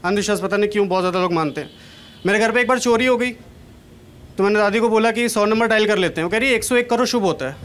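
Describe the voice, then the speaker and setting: A young stand-up comedian from Kanpur works a big event stage with a handheld mic. His voice sits high for a man, and he tells his jokes in a chatty, self-deprecating way. There is some noise behind him. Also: fast talker, fairly bright tone. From Kanpur, India. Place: large stage at an event, indoors.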